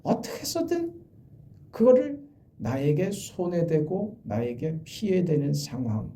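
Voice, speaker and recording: A middle-aged male pastor preaches an early-morning sermon in a dark, mellow voice with a gravelly edge. His pitch rises and falls in wide, lively sweeps. He pushes hard on key points, then lets his line endings sink to near silence. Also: a little slow. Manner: earnest, swings between loud emphasis and quiet trailing endings. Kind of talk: dawn prayer sermon.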